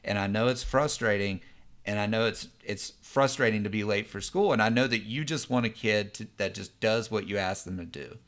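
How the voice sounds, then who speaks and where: A man's voice: fairly low pitch, moderate pace, fairly bright tone. A man, a psychologist, explaining a topic in a conversational way, often checking in with the listener. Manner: conversational, many fillers and check-ins. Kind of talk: explanatory lesson.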